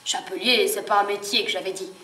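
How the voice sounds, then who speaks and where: An actress performs a dramatic French stage monologue with sung passages, playing a laundress who is wistful, fiery and worn down. Her female voice is mid-range with fairly even intonation, brisk and lightly acted, swinging from hushed to shouted as she tells the story. It was recorded from far off in an echoey room with faint noise.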